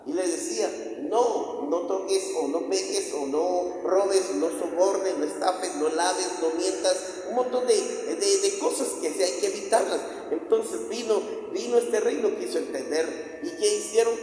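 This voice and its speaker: A man preaching a sermon with emphatic swings in pitch and loudness. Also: unhurried, few pauses, slight background noise. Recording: very echoey hall with long reverb.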